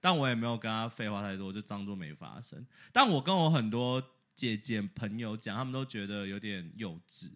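Male co-host, casual story chat, very animated pitch, bright voice, laughs a lot, mixes in English. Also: brisk, few pauses. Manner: animated, laughs often, slips English words into his talk. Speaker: podcast co-host.

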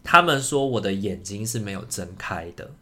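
A young man co-hosting a podcast, telling a personal story in a casual, animated way and acting out the quoted lines. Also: fairly low pitch, moderate pace. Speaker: podcast co-host.

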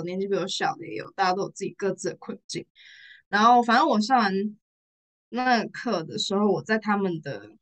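A young woman from Taiwan with a Taiwanese Mandarin accent, telling a personal story in casual chat, repeating herself and laughing through tears. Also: mid-range voice. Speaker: podcast guest, rehearsal studio owner.

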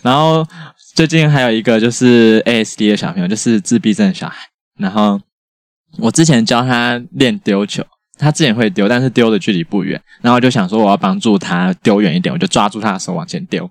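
A man with a Taiwanese Mandarin accent, a physical therapist co-hosting a podcast, telling animated work stories with a lot of laughter. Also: lowish voice, brisk, no room sound. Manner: animated, mimics patients with raised voice, laughs often. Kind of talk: casual chat, storytelling.

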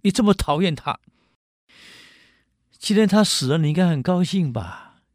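A sharp-tongued ancient wife, as a man puts her on, needling her husband with complaints and pointed questions. The voice is lifted higher and lively, in a dry close sound. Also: normal speed, no room sound. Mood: scolding.

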